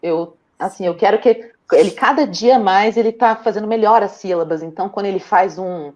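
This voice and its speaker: Recorded with a muffled sound, a young Brazilian woman talks briskly at a medium pitch, her accent Brazilian Portuguese. She's a mother in a relaxed interview, animatedly recounting stories and frequently breaking into laughter.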